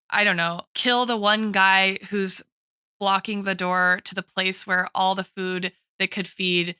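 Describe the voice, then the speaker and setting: A woman with a fairly low, sharp, clean voice takes part in a casual, analytical podcast discussion as co-host and guest expert. She thinks aloud as she goes and often checks in with "right?". The recording is dry and studio quality.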